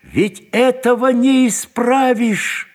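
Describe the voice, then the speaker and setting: A man's voice: a little high, sing-song, brisk, darkish tone, husky, big-room sound, voice pushed up. A man voicing a desperate older civilian. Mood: anguished. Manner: rising to anguished cries. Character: anxious older male civilian, pleading, desperate.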